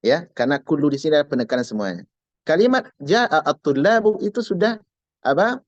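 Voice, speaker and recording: A man's voice: a little high, animated, a little fast, no room sound, muffled recording. A man teaching an Arabic grammar class online, explaining patiently and repeating key words step by step.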